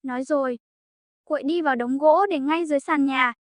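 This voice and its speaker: High-voiced woman reading a folk tale. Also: fairly quick, no echo. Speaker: storyteller.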